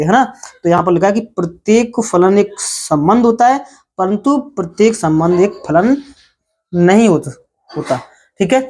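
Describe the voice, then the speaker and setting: Her voice is mid-range and a little mellow as this woman teaches maths to her students. She tends to repeat points, draws out important words, and frequently slips in quick check-ins such as "है ना" and "ठीक है".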